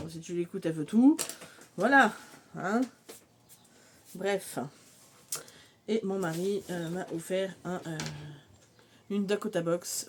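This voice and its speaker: Woman in her thirties, home vlogger, rambling chat full of fillers, faint hiss behind. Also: lowish voice. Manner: rambling, many fillers and trailing pauses. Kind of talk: casual vlog chat. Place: mobile home on a hot day.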